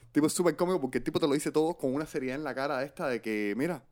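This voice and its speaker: A man co-hosting a casual podcast, talking fast and excitedly. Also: on the high side. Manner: rapid, excitable, says "papá" a lot. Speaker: podcast co-host. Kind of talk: casual chat.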